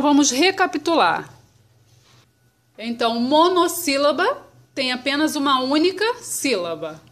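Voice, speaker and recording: A woman teaching children about syllables, patient and clear, sounding words out slowly. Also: high-pitched, fairly bright tone. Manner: slow, patient, spells syllables out.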